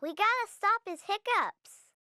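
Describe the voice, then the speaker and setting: A voice actress playing a lively little child in a children's cartoon, bright and chirpy. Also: female voice, very high-pitched, unhurried, no echo, studio quality, full character voice. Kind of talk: cartoon voice acting.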